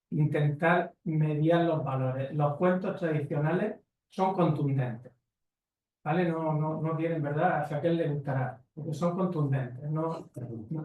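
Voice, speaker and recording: A man's voice: on the high side, narrow, tinny audio, a little hiss or hum. A man speaking on a conference panel, making his points bluntly and with rhetorical questions to the audience. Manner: emphatic, lecturing with rhetorical tags. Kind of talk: conference talk answering questions. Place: conference hall. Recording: echoey hall from far off.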